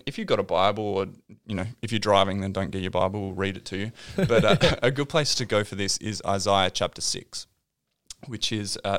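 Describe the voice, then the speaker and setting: A man with a low, smooth voice talks through a Bible passage in a relaxed podcast chat. He explains with everyday examples and teases his co-host. The sound is close and dry. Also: dry recording. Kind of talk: casual Bible teaching chat.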